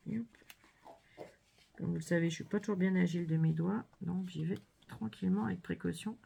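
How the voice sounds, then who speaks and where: A woman vlogger chatting casually and gushing softly as she unboxes crafts, sometimes dropping to a whisper. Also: fairly low pitch, fairly even intonation, brisk, vocal fry, husky. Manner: gushing, soft-spoken, drops to whispers. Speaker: scrapbooking vlogger.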